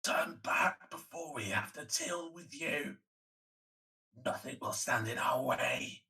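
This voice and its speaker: A man voicing a menacing, unearthly ghost in a tabletop game, speaking a slow, drawn-out warning. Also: a little high, sharp tone, far from the mic, heavily acted. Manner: slow, drawn-out threatening delivery. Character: menacing ghostly voice warning travellers to turn back.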